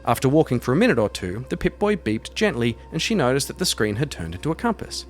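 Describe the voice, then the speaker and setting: Faint music sits behind this fast-talking host, whose mid-range voice has a sing-song lilt. On his solo role-playing audio show he moves from storytelling to casual thoughts on the game, thinking aloud while playing and making self-deprecating asides.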